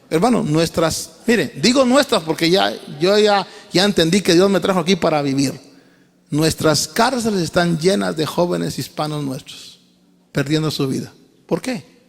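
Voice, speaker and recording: A man preaching a sermon as pastor, animated, rising to high emphatic calls and repeated refrains. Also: gravelly. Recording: reverberant church hall.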